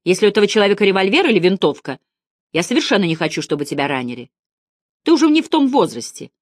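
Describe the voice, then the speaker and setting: A woman reading the part of a spirited, stubborn older woman in a lively, brisk, insistent way. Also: mid-range voice, no room sound, clean studio sound, voice pushed up.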